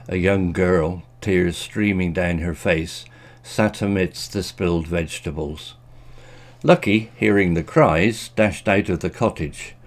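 A man narrating a children's story in a gentle, expressive storytelling manner. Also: deep voice.

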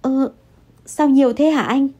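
A woman's voice: high voice, a little slow, warm tone, pitched above the performer's own voice. A woman voicing an anxious young wife who pleads and apologizes in an audio story. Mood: pleading.

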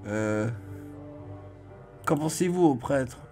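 A man playing a video game and commenting as he goes, reading dialogue aloud and joking, with sudden loud exclamations. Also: medium pitch, animated, slow, faint music behind. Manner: chatty, jokey, exclaims loudly in surprise. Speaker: let's play host.

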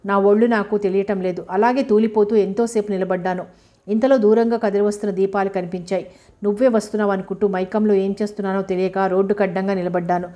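Remorseful lame young man, read by a woman narrator: quiet, pleading, mellow. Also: medium pitch, fairly even intonation, fast talker, highs cut off, lightly acted.

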